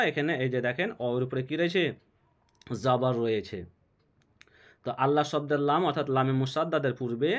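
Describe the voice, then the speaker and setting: A man teaching Quran recitation rules step by step, spelling out letters, then chanting verses slowly and melodically, and answering his own questions. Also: mid-range voice. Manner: asks questions and answers them himself, slow drawn-out melodic recitation.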